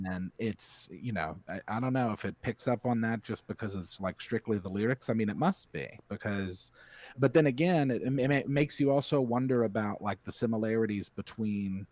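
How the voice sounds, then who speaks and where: A man's voice: lowish voice, moderate pace, a little mellow, no echo. A man co-hosting a podcast in casual chat, rambling with lots of "like" and "you know.". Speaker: podcast co-host.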